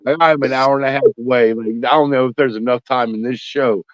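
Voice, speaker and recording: A man's voice: medium pitch, fairly even intonation, quick pace, dry recording. Man, co-host, blunt profane joker, dry close sound, slightly muffled. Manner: blunt, profane, joking, says "like" a lot. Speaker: podcast co-host. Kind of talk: casual sports chat.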